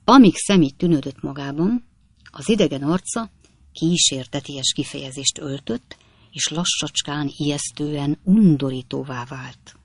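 A man reading an audiobook in a calm, measured way. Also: on the high side, creaky, slightly rough, no echo. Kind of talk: audiobook narration.

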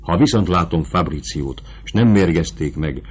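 A man's voice: deep voice, animated, breathy edge. A man reading the part of a proud, desperate duchess in an audiobook, in an urgent, intense manner. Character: proud desperate duchess, woman fearing for her nephew.

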